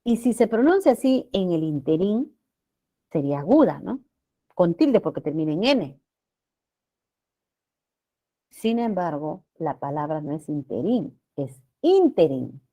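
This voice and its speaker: Woman, teacher, lower voice, pitch swinging widely, checks in with students. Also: big pitch swings, warm tone. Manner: addresses students with frequent checking questions; stretches words slowly for emphasis. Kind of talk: classroom grammar lesson.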